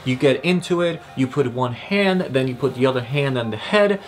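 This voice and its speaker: A man's voice: mid-range voice, lively intonation, normal speed. A young man hosting an instructional vlog, explaining gear in a friendly, step-by-step way from a small indoor gear room. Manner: friendly, explanatory, gestures while talking. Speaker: kayaking channel host.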